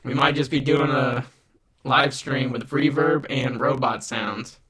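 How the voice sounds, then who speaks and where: A man's voice: mid-range voice, steady tone, a little slow, a bit bright. A man hosting a casual live stream on a USB desk microphone, greeting viewers by name and talking in a loose, rambling way.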